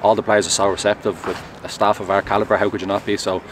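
Fast-talking goalkeeper, noisy outdoors. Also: male voice, fairly low pitch. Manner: measured, earnest, steady. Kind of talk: post-match interview. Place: outdoors at a stadium, in front of a sponsor board at night. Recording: outdoor traffic noise.

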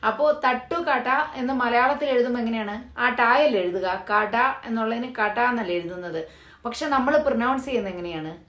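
A woman's voice: on the high side, normal speed, a bit bright, reverberant. A woman from Kerala vlogging casually, explaining things step by step with lots of fillers. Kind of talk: casual storytelling vlog. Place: living in Hyderabad.

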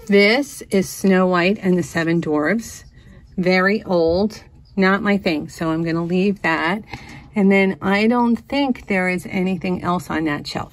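Slow, gravelly-voiced woman thrifting. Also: on the low side. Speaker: vintage reseller vlogger. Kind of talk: casual thrifting narration. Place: inside a cluttered antique store.

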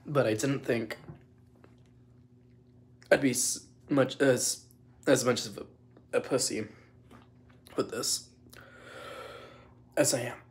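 A young man in pained, sighing, halting and sweary vlog talk, his mouth burning from spicy food. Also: mid-range voice, steady tone, a little hiss or hum. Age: young adult. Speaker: video creator doing a food challenge. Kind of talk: casual reaction vlog. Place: small room at home.

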